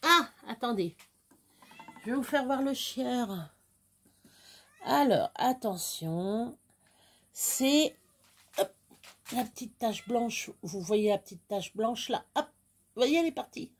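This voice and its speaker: Late at night at home, a woman vlogger talks into her phone camera in a casual, blunt, unfiltered way, cooing at her pets. Her voice is fairly high and slightly rough, slow, with frequent pauses.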